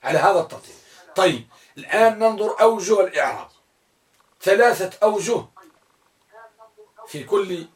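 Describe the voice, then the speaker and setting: A man teaching a grammar lesson in a classroom. He quizzes his students and repeats words slowly. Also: high-pitched, lively intonation.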